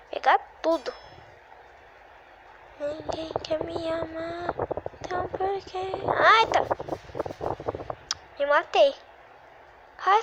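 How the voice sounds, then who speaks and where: A woman giving excitable, exclamatory live commentary while playing a game at home. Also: very high voice, dull audio, heavy background noise. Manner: excitable and exclamatory, constant little sighs and cries. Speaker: gaming video creator.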